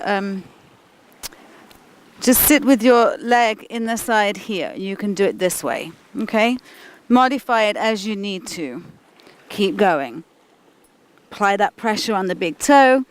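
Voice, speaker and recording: A woman's voice: a little high, clean tone. A woman leading a guided kundalini yoga class as the instructor, encouraging and informal, with chatty asides between directions.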